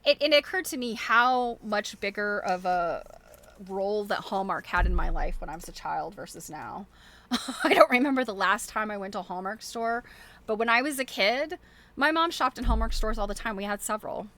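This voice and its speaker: Showing things to her viewers, the middle-aged host of a quilting show rambles and chuckles as she thinks out loud. Her mid-range voice is animated and fairly bright, moving at a moderate pace.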